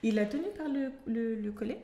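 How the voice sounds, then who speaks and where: Fast-talking animated woman telling stories. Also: on the high side, very noisy. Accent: French. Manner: animated storytelling, acting out voices, laughs often. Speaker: guest. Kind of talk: casual interview storytelling. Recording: echoey room with faint background ambience.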